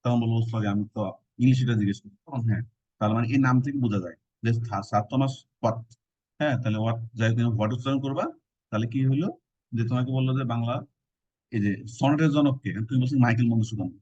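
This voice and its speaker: A male teacher talks students through an exam-prep lecture, leaning on jokey memory tricks. His voice is mellow and dark. It is captured on a dull, lo-fi recording with a dry sound. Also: medium pitch, quick pace, dry recording. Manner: colloquial, explains with joking memory tricks.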